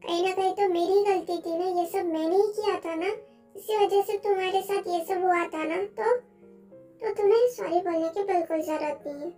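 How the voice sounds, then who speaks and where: Woman playing a lovesick young boyfriend, very high voice, soft and coaxing, fan dub, faint music behind. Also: fairly even intonation, moderate pace. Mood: soothing. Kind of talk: amateur Hindi fan dub.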